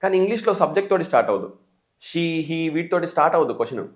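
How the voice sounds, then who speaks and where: A man from the Telugu states gives a quick, lively English lesson in a slightly raised voice, acting out his students' common mistakes. His speech bounces around an echoey room. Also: fairly high pitch. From Telugu states of India. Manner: animated, addresses viewers as friend, mimics learners' errors. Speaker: English teacher. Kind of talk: exam-coaching lecture.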